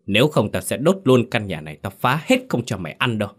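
A man's voice: deep voice, normal speed, a bit bright. A man voicing a stern, angry young older brother in a horror story reading, harsh and scolding. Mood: furious.

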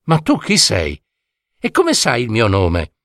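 A man voicing a kind, humble truffle hunter in a fairy tale he reads aloud, speaking gently and generously. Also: on the low side, wildly swooping pitch, slow, gravelly, no echo, clean studio sound, exaggerated voice. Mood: gentle. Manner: gentle, generous, a little startled. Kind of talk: storybook reading.

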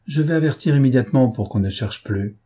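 A man's voice: mid-range voice, brisk, dark tone, breathy edge, natural voice. A male audiobook reader voicing a cheerful, chatty young woman. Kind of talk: audiobook character voice.

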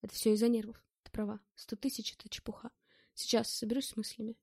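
A woman's voice: a little high, little pitch movement, fast talker, a little mellow, slightly rough, dry recording, clean studio sound. A woman voicing a tense, wary man who speaks in strained mutters in an audiobook. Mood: mumbling. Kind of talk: audiobook character voice.

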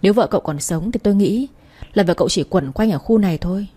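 A woman's voice: mid-range voice, expressive, quick pace, mellow, husky. A woman voicing a man's blunt, loyal friend who speaks in an exasperated way. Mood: matter-of-fact.

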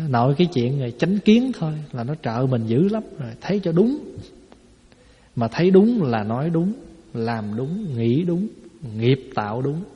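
A man, a Buddhist monk giving a folksy dharma talk to a hall, explaining with rhetorical questions. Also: medium pitch. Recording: echoey hall, dull lo-fi sound.

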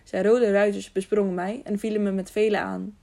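A woman reading as a proud knight lying gravely wounded, talking in a weak whisper. The voice carries a gravelly, creaky edge. It is a plain storybook reading, not a big put-on voice. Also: medium pitch, flat delivery, a little fast, mellow, lightly acted.

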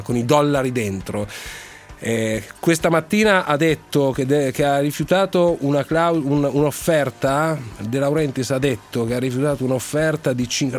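A man with a voice hoarse from a cold, hosting a football call-in in a halting, searching way. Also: mid-range voice. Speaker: radio sports call-in host. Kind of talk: live football talk with callers.

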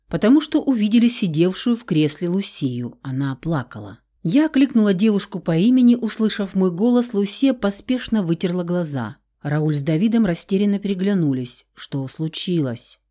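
A woman reading a first-person audiobook in an even, measured storytelling manner. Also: medium pitch. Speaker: narrator.

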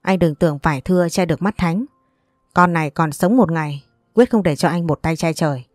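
A woman voicing a sharp-tongued but protective middle-aged aunt in an audio story. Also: on the low side, brisk, no echo, studio quality, close to an everyday voice. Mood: scolding. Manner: scolding, firm.

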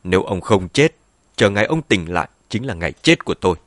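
A man's voice: deep voice, big pitch swings, a little fast, a bit bright, no room sound, clean studio sound. A man voicing a ruthless, two-faced middle-aged woman in an audiobook, switching between cold menace and false wailing. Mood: menacing. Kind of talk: audiobook character voice.

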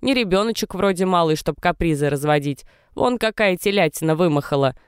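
A heavyset, no-nonsense old lady doctor, read by a man, giving short orders in a clear, smooth voice with a slightly raised pitch. This is a storybook scene with a dry, close sound. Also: lively intonation, dry recording. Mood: brisk. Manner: brisk, bossy. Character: stout older woman doctor, brisk and no-nonsense.

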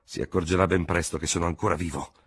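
A man voicing a proud, embittered old male cavalry general who blusters and speaks dogmatically, in a husky voice. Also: very deep voice, moderate pace, full character voice. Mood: indignant.

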